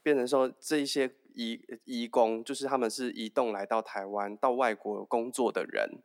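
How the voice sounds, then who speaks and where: A man with a Taiwanese Mandarin accent shares his views in a relaxed, informal discussion. His voice has an ordinary middle pitch, and he explains things conversationally. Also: moderate pace. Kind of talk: casual group discussion.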